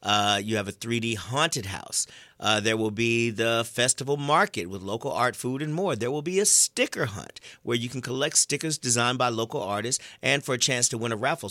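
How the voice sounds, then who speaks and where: A man's voice: mid-range voice, pushed and bright, dry recording. A man co-hosting a news podcast, chatting in an upbeat way about local events with jokey asides, into a studio microphone. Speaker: co-host, events correspondent.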